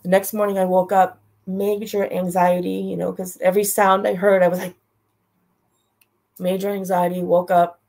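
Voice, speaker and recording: A woman's voice: fairly low pitch, flat delivery, normal speed, vocal fry, a little mellow. A middle-aged woman telling a personal story as a guest, in a direct and heartfelt way, repeating her phrases. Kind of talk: emotional storytelling.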